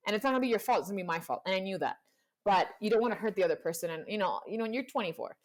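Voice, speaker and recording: A young woman from Panama and Colombia talks very fast in a mid-range voice with lively intonation. As a guest in a laid-back chat, she tells her own story, acting out quotes and using "like" again and again.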